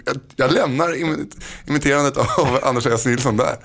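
A man's voice: mid-range voice, gravelly, fairly bright tone. A man in his thirties co-hosting a podcast, chatting casually with a joking, rambling, self-mocking manner. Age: 30s. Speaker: podcast co-host.

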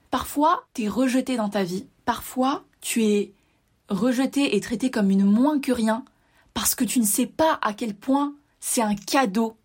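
A young woman from France talks straight to her listeners in an animated, storytelling way. Her voice is soft and breathy, in a mid register. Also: medium pitch. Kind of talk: personal monologue to listeners.

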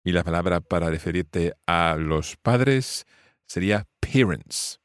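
Man, very low voice, patient English teacher, repeats each word, dry recording. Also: expressive, slow pace, smooth, no echo. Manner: patient, repeats words for the learner. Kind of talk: language lesson dialogue.

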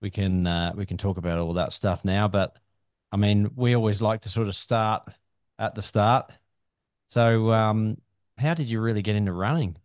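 A man's voice: fairly low pitch, normal speed, darkish tone, no room sound, studio quality. A man hosting a running podcast, easygoing and hesitant with fillers. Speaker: podcast host.

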